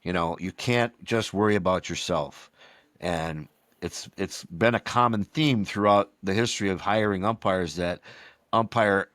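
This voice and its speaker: In a low, fairly bright voice and at a slightly slow pace, a sixty-something former umpire rambles through anecdotes on a podcast, playing out the lines others spoke. There's no room sound.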